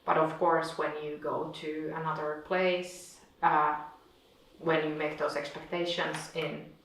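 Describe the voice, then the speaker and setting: A woman, an artist talking thoughtfully and pausing often to find her words, recorded from a distance in an echoey room. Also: low voice, flat delivery, fairly bright tone. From Finland. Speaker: visiting artist. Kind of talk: reflective conversation.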